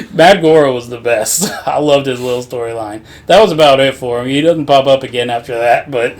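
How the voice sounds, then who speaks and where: A podcast co-host casually recaps a video game's story in an unhurried, mid-range male voice over slight background noise. He rambles, swears a lot, and laughs often.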